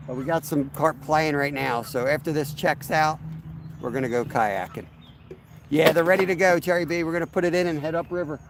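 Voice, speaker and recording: A man's voice: a little high, brisk, background noise. A man hosting a fishing vlog outdoors by a river, chatting easily and speaking straight to his viewers. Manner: easygoing, talks straight to viewers. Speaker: fishing channel host. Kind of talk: casual outdoor vlog chat.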